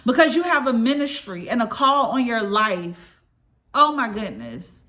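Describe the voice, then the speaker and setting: A woman's voice: on the high side, big pitch swings, measured pace, bright, forceful tone. A woman preaching an informal sermon straight to her listeners. She speaks emphatically, repeats her key lines and drops in casual asides.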